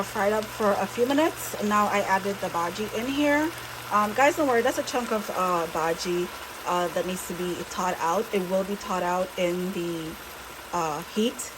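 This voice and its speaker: A woman's voice: medium pitch, noisy background. Chatty woman hosting a cooking vlog. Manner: chatty, reassuring, often checks in with viewers. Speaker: cooking channel host. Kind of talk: home cooking demonstration. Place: home kitchen at the stove. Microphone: camera she set up herself.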